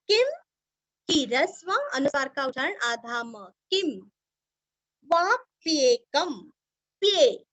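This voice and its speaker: A woman's voice: high voice, a bit bright, no echo. A woman with a Marathi accent, teaching Sanskrit recitation, carefully drilling each syllable and chanting verses for students to repeat.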